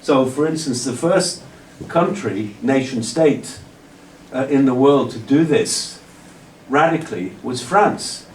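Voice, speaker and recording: Speaking slowly in a mid-range voice with lively intonation, a man lecturing in a hall gives a long, discursive answer to an audience question, full of restarts and "you know". The distant mic picks up roomy hall sound and a little hiss or hum.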